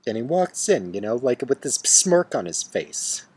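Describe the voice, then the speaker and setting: A man telling a bitter story in an angry rant, swearing and swinging from hushed seething to loud outbursts. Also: mid-range voice, big pitch swings, measured pace, slightly rough, no room sound. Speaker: storyteller ranting to camera. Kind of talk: angry first-person rant.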